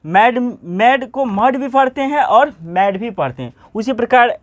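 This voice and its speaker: Man, high voice, teacher, spells words out slowly, asks and answers his own questions, dry close sound. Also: lively intonation, dry recording. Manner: repeats questions and answers them himself. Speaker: English pronunciation teacher. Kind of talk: Hindi classroom-style lesson.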